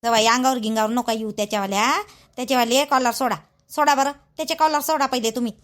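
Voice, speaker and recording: Brief: woman as a fussing rustic mother-in-law, high scolding voice. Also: steady tone, fast, a bit bright, natural voice. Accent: Vidarbha Marathi. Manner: scolding, pleading. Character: scolding village mother-in-law, middle-aged.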